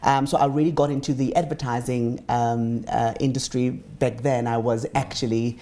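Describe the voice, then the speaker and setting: Mellow-voiced South African businessman. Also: mid-range voice, level tone, normal speed. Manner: hesitant, many fillers and restarts. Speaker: business guest. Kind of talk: interview answers.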